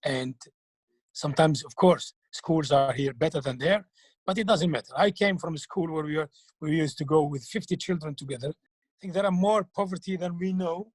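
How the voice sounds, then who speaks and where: Man, husky, fairly high, dry close sound, halting speech with repeated words. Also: a little mellow, no room sound. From Algeria. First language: French. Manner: earnest, halting, repeats words while searching for them. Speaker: clown and children's TV performer. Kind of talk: interview answers.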